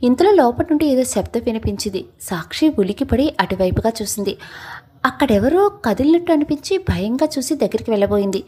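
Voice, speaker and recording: A woman narrating a family love story in a calm, scripted storytelling manner. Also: a little high, brisk, a little hiss or hum.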